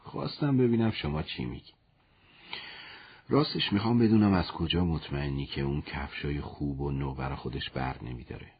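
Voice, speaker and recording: Brief: man voicing a humble commander, gentle and teasing, low husky voice in a storybook. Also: dull audio, heavily acted. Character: calm male war commander, teasing and humble.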